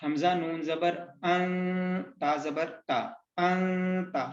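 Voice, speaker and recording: Drawing out his words in a high-pitched voice with fairly even intonation, a man patiently teaches Quran reading syllable by syllable. He spells out letter sounds during this slow recitation lesson. The audio is roomy and dull, with a lo-fi feel.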